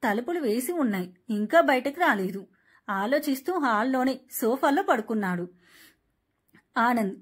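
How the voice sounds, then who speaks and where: High, husky woman reading a story. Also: animated, moderate pace. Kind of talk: scripted story narration.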